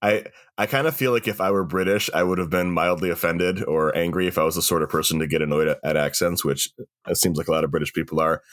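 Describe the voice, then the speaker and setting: A man's voice: sits low, steady tone, fast talker, fairly bright tone. An American man chatting casually on a podcast, rambling and self-deprecating. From United States. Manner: rambling, self-deprecating, laughs at own jokes. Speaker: podcast co-host. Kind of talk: casual chat.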